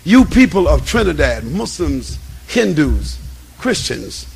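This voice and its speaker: A man giving an impassioned religious and political lecture in a raspy voice, with an emphatic, repetitive preacher's cadence. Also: a little high, sing-song, slow. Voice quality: raspy, gravelly. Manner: emphatic, repetitive preacher's cadence, swinging between hushed and shouted.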